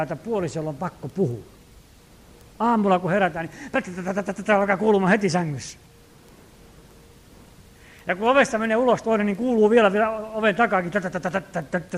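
High-voiced preaching man. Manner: earnest preaching with dramatic shifts between loud and hushed; acts out quoted prayers and commands. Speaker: pastor. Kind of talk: sermon.

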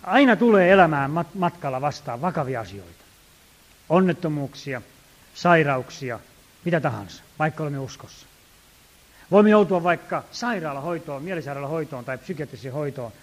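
A man preaching a sermon, reading scripture slowly and emphatically, with folksy storytelling asides. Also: a little high, expressive. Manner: slow, emphatic reading of scripture, rising loud on exhortations.

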